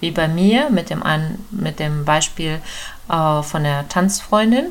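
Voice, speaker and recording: A woman's voice: low voice, a little slow. A woman giving a personal, direct self-help talk that speaks to the listener as a friend. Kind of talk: casual coaching monologue. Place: room indoors with a door.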